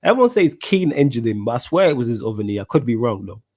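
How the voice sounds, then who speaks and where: A young man from Manchester, England hosts a casual football podcast in a Mancunian accent, using slang and answering viewer comments. He talks fast at a medium pitch, with big swings in intonation and a darkish tone.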